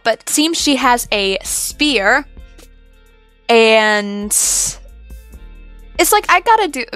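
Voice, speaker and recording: Faint music underlies this reaction video, where the female host talks in a high-leaning, slightly bright voice, wandering through hesitant, rambling remarks with thoughts left trailing.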